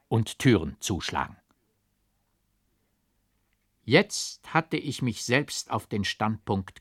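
A man's voice: fairly low pitch, no echo, studio quality. A man narrating an audiobook of a classic novel with an emphatic, rhythmic, dramatic delivery.

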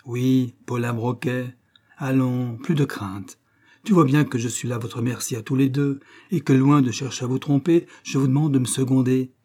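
A steady male detective in an audiobook, firm and authoritative yet soothing, as a man puts him on, his voice lifted above the narration and mellow in tone. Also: medium pitch, moderate pace, natural voice. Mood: urgent, firm. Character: commanding, reassuring male detective, middle-aged.

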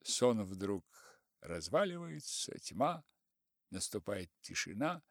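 A man's voice: fairly low pitch, big pitch swings, takes it slowly, fairly bright tone, no room sound, clean studio sound. A man narrating a play as an audiobook in a theatrical manner, acting out many voices.

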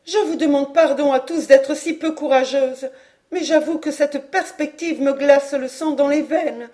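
Despairing storybook mother, higher and louder, anxious and tremulous, woman reading. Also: very animated, moderate pace. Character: frightened middle-aged mother, despairing.

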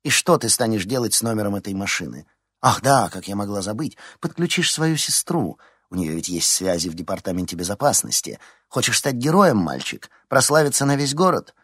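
A man's voice: fairly low pitch, big pitch swings, a little fast, a bit bright, breathy edge, no room sound, clean studio sound, exaggerated voice. A man voicing a cold, mocking female reporter.

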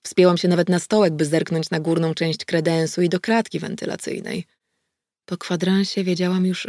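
Wry audiobook narrator with a gravelly voice. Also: female voice, fairly low pitch, dark tone, no room sound, clean studio sound. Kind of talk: first-person audiobook narration.

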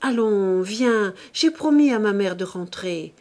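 A woman's voice: mid-range voice, lively intonation, takes it slowly, a little mellow. Woman doing a caring young guy talking his buddy into dinner, coaxing, audiobook. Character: warm, caring young male friend.

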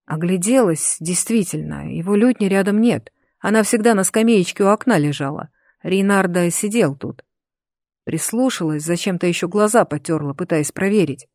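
An audiobook narrator reading a fantasy novel in a lively, expressive storytelling manner. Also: medium pitch, normal speed, no echo. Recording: dry close recording.

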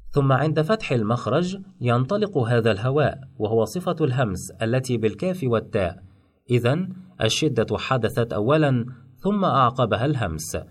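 Male teacher, scripted lesson narration, measured and explanatory, mid-pitched. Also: animated. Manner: measured, explanatory, demonstrates sounds. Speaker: phonetics teacher.

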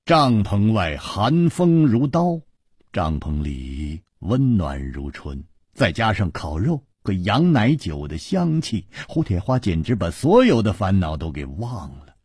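A man narrating a martial arts tale in an expressive, dramatic storyteller's style, voicing all the characters. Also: lowish voice, a little slow, slightly rough, no echo, studio quality. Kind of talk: scripted story narration with many voices.

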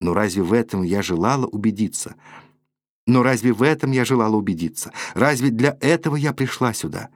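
A man's voice: fairly low pitch, animated, fairly quick, no echo, clean studio sound. A man voicing a passionate, proud eighteen-year-old woman who speaks with emotional reproach. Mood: reproachful.

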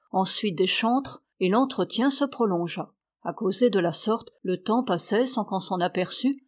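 Woman narrating a classic story. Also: mid-range voice. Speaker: audiobook reader. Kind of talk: literary audiobook narration.

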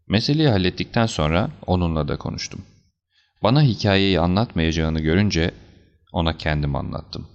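A man voicing a calm, assured detective who explains things in a measured, slightly stern way, for an audiobook. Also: low voice, creaky. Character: calm, assured male detective, cool and deliberate. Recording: slightly dull lo-fi recording.

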